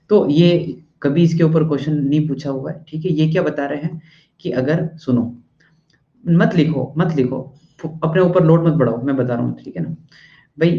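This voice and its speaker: A male teacher lecturing a class in a chatty way, stopping after each point to ask if the students follow, and at times scolding them bluntly. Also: fairly high pitch. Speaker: math and physics teacher. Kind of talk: classroom lecture in Hindi-English mix. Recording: echoey room, dull lo-fi sound.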